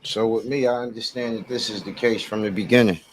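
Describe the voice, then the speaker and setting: A man answering in casual live talk-show chat with calm, measured, reflective points. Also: fairly low pitch, slight background noise. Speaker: co-host.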